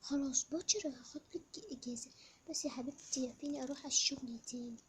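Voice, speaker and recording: Whispered role-play: a young performer playing a soft, apologetic father, hushed and affectionate. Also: high voice, fairly even intonation, fast talker, slight background noise. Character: tender doting father back from work.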